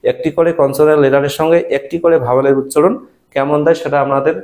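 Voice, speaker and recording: A man teaching a beginner English reading class. He spells out letters, sounds out each syllable and repeats words slowly, checking in often. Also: fairly high pitch, steady tone, a little mellow. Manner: patient, repeats each word slowly, checks in with "all right?". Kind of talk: step-by-step phonics lesson.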